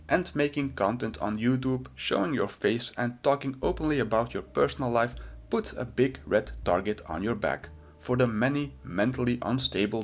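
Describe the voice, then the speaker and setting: Man, medium pitch, scripted commentary narration, sardonic, mocking. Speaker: video essay narrator.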